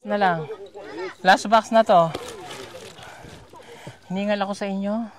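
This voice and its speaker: In a rural village, a man with a Davao, Mindanao Filipino accent hands out donations for a casual outdoor vlog, playfully ordering the children around and teasing them. His voice sits high, slow and fairly even in intonation. Crowd noise surrounds him as villagers and children chatter.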